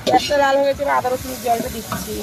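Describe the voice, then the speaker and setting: A hoarse woman, casually narrating her cooking step by step and greeting viewers often. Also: high-pitched, steady tone, rapid-fire. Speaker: cooking vlogger.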